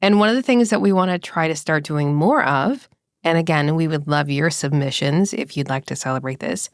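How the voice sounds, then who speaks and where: Lively low-voiced woman co-host. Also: no room sound, studio quality. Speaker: podcast co-host. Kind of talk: casual chat.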